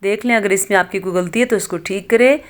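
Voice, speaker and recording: A woman teaching a prayer word by word, chanting each phrase slowly and then quickly correcting common mistakes. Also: mid-range voice. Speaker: Quran recitation teacher. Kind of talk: word-by-word recitation lesson.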